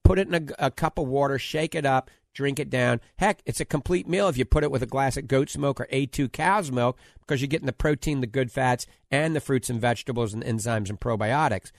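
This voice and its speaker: A man with a New Orleans accent giving an informal, radio-style health talk and product pitch, emphatic and repetitive as he lists his points. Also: fairly quick, hardly any pauses, no echo, studio quality. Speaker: health show host promoting diet and supplements.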